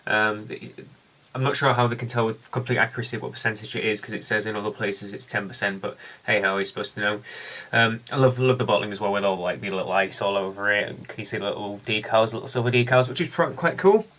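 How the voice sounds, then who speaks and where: A man's voice: fairly low pitch, fast, pushed and bright. A man hosting a casual beer review, chatting and telling a story with lots of ums and uhs.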